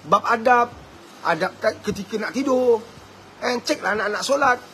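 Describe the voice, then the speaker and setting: A man in his fifties with a Malaysian Malay accent, giving a fervent, preachy live talk as a motivational speaker and answering viewer questions, at times breaking into shouts. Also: very high-pitched, lively intonation, moderate pace, a little hiss or hum.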